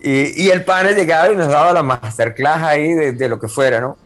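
A man's voice: on the high side, fairly quick. Rambling Venezuelan man in his twenties. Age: 20s. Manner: rambling, repeats words, slangy. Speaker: podcast co-host. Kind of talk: casual storytelling chat.

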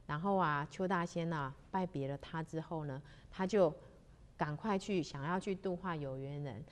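Lady telling a spiritual story slow and easy, kinda low voice. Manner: unhurried, sentence-final particles drawn out. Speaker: religious storyteller.

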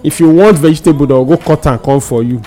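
A man's voice: on the high side, fast, mellow. A man with a Nigerian accent telling anecdotes in Nigerian Pidgin as a guest in a casual radio chat. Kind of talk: animated storytelling in casual radio talk. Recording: music bed under the voice.

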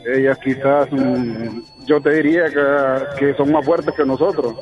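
A man's voice: medium pitch, steady tone, measured pace, over music. A man calling in to a radio show, speaking earnestly and reflectively. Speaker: radio caller. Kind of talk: phone-in chat.

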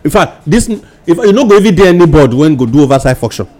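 A Nigerian man with a fairly high voice comments on current affairs on a radio show. He slips between English and Nigerian Pidgin, halting and repeating himself for emphasis. There is music behind him. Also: sing-song, darkish tone. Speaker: radio talk show panellist.

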